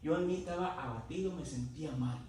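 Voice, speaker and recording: A man's voice: a little high, fairly quick, darkish tone, recorded from a distance, slight background noise. A married man preaching a sermon in a church, speaking with impassioned, emotional conviction as he tells his own testimony. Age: adult, married. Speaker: lay preacher. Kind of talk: Pentecostal-style sermon. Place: church sanctuary. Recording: very echoey church hall recorded from afar.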